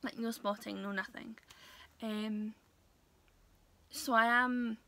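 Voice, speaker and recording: A young woman talking casually to her viewers in a vlog, hesitant and full of pauses and fillers. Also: fairly high pitch, fairly even intonation, pushed and bright, no room sound. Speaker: vlogger. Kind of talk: casual vlog talk to camera.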